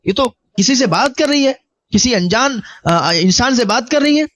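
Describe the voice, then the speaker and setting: A man's voice: very high voice, lively intonation, fairly bright tone, pitched above the performer's own voice. A man doing an outraged sister-in-law. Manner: indignant, exclaiming. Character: shocked, scolding woman, the husband's sister.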